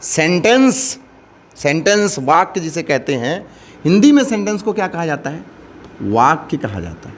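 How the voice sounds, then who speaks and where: A man's voice: a little high, very animated, moderate pace, slight background noise. A man teaching an English lesson, switching between Hindi and Indian-accented English and repeating points for students. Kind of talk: classroom lecture.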